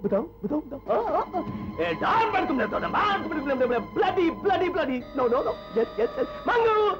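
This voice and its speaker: A man's voice: very high-pitched, very animated, normal speed. An actor playing a childish, cruel male bandit chief who giggles, repeats words and taunts people, in a 1970s film. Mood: gleeful menace. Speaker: bandit leader. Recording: dull 1970s film soundtrack with music.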